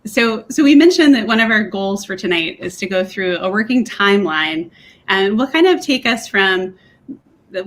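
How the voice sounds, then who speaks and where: A woman's voice: medium pitch, slight background noise. A woman co-hosting an online talk, walking listeners through a timeline in a conversational, explanatory way with frequent ums. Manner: conversational, with frequent fillers, steady explanatory pace. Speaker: co-host of a museum talk series. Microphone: video call.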